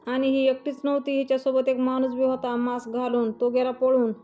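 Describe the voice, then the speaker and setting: A woman voicing a furious older man, a vengeful father, speaking in a slow, threatening way. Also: sits high, completely flat delivery, lo-fi sound, faint music behind, close to an everyday voice. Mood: angry. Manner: angry, threatening, slow and heavy.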